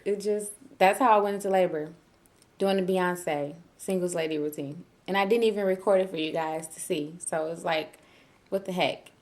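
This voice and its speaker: A young woman, telling a story casually and animatedly, laughing often and acting out her own shouting. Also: on the low side, moderate pace. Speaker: new mother vlogger.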